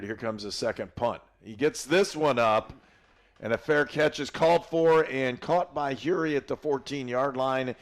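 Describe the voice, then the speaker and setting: A man doing play-by-play commentary for a college football game, chatting and explaining the rules at length. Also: mid-range voice. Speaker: play-by-play announcer.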